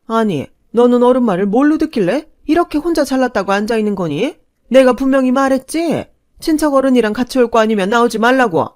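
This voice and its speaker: A woman voicing a snobbish, furious middle-aged mother who scolds her son's girlfriend in a shrill, contemptuous voice. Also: lively intonation, moderate pace, darkish tone, no room sound, clean studio sound, lightly acted. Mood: furious scolding.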